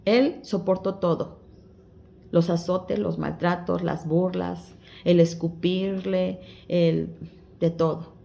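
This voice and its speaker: A woman's voice: on the low side, steady tone, slow, gravelly, mellow. A woman giving a devotional Bible explanation, exhorting her listeners as dear ones in simple, conversational preaching. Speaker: Bible study teacher.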